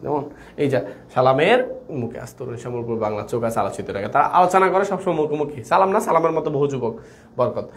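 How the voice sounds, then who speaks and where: A man's voice: medium pitch, fast talker. A young man with a Bangladeshi Bengali accent teaching an online exam-prep lecture, quizzing his students with rhetorical questions.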